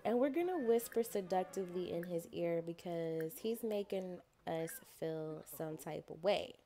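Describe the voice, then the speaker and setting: A woman's voice: lowish voice, a little slow, dark tone, slight background noise. A woman casually commenting on her life-simulation game, chatty and playful, often voicing what her characters think. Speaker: gameplay narrator. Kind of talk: casual let's-play commentary.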